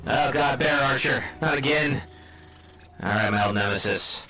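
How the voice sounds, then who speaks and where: A man's voice: medium pitch, moderate pace, sharp tone, roomy sound, a little hiss or hum, rough recording. A man on a gaming podcast, mock-dramatic while fighting in a game. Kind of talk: casual gaming podcast chat.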